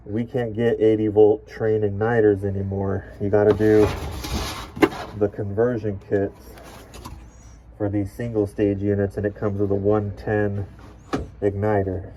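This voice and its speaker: A man's voice: fairly low pitch, a little hiss or hum. A man working as an HVAC technician, his voice muffled by the respirator he is wearing, explaining the job in a plain, matter-of-fact way from a cramped attic. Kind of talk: casual work-along explanation.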